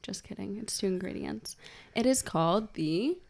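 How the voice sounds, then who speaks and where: A woman's voice: mid-range voice, lively intonation, moderate pace, vocal fry, a little mellow. A young woman co-hosting a casual podcast, playful and upbeat. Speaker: podcast co-host.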